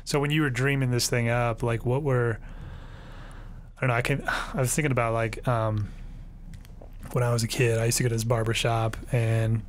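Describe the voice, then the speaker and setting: A man's voice: medium pitch, level tone, normal speed, long pauses, a little hiss or hum. A man hosting an interview, asking long rambling questions full of fillers. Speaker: podcast host. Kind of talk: casual interview chat.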